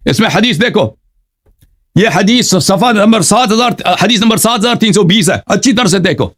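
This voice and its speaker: A man hosting a heated live religious debate, insistent and combative, who keeps pressing his opponent for answers and recites scripture slowly between quicker arguments. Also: high voice. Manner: cites scripture slowly, then speeds up to argue. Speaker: debater and channel host.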